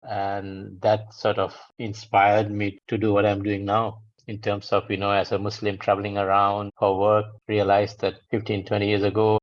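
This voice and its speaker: A man in his fifties from Sri Lanka, a guest answering interview questions in a relaxed, conversational way, laughing often and restarting phrases. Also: on the low side, muffled recording. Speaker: guest, founder of a travel rating firm.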